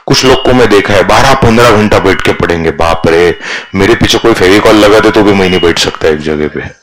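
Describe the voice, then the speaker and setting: A male commerce teacher giving a lively classroom lecture, mixing Hindi and English and urging students to answer aloud. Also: deep voice, fairly quick, low-quality recording.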